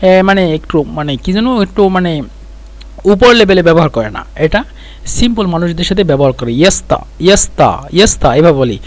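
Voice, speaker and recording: A middle-aged man gives a spoken Arabic lesson, saying each phrase several times and breaking it down word by word. His voice sits fairly high, and he keeps a patient teaching rhythm. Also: lively intonation, no echo. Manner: repeats phrases slowly, explains word by word.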